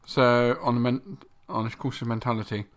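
A man's voice: medium pitch, flat delivery, moderate pace. A man co-hosting a podcast, chatting casually with dry humour and many ums. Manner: dry humour, filler-heavy. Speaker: podcast co-host. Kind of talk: casual chat.

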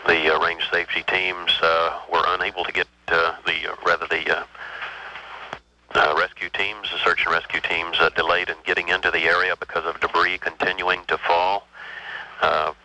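A man making official status announcements from mission control, halting and full of fillers, heard through a relayed radio transmission that sounds like a sci-fi communicator. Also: sits low, level tone, pushed and bright. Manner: halting, filler-heavy delivery. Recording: dull lo-fi radio feed with faint hiss.

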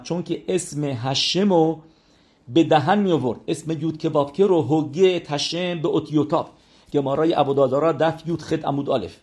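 A man teaching a Talmud lesson, retelling the stories in a lively storytelling way and often repeating "he says". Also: on the high side. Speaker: religious teacher.

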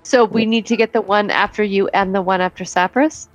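A woman's voice: mid-range voice, fairly even intonation, a little fast, no echo, rough recording. An earnest woman playing a tabletop game, eagerly working out a plan with the group. The sound is dry and close, with faint music behind. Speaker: player.

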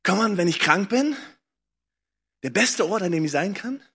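Male pastor, bright high voice, slightly husky; preaches with fervent repetition, echoing church hall. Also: animated, normal speed. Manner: swings between hushed intimate passages and raised fervent exhortation; repeats phrases, calls out "come on". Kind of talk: sermon. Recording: long hall reverb, slightly distant.

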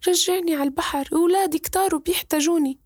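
Storybook magic fish, mother of many, begs over and over in a very high, pushed-up voice; a woman acts it out. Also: fairly even intonation, rapid-fire, darkish tone, dry recording, studio quality. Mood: pleading. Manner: begging, repeating herself.

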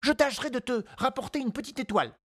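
A man reading a storybook, voicing a small, gentle and determined boy in a high childlike voice. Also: fast talker, no room sound, studio quality. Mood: tender. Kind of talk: audiobook character voice.

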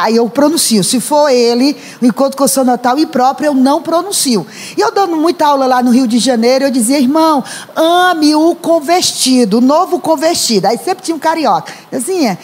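A woman preaching a sermon in a church, joking with the congregation and rising to shouts. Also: a little high, breathy edge. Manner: animated, humorous, rising to shouts. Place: church hall.

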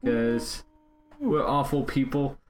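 A man hosts a casual gaming talk show with a joking, bantering manner. His voice sits at an ordinary middle pitch, with a faint noise behind it. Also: animated, slow pace. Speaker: podcast host.

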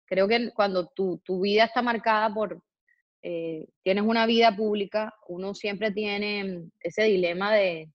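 A woman's voice: medium pitch, fairly even intonation, no room sound, lo-fi sound. A woman answering interview questions, reflective and hesitant, with frequent fillers and restarts. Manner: hesitant, many fillers and restarts, slow thoughtful phrasing. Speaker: interview guest, public figure.

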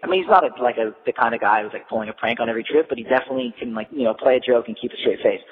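A man's voice: mid-range voice, rapid-fire. A man casually telling a long story, rambling with lots of "like" and "you know". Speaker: storyteller recounting a trip. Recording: tinny phone-like line with long reverb.

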